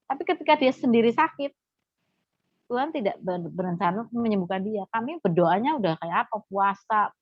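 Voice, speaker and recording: A woman who is a doctor, giving an animated testimony in a church teaching and acting out the voices she quotes. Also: medium pitch, fairly quick, dry recording. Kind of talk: sermon testimony. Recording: dull, dry lo-fi recording.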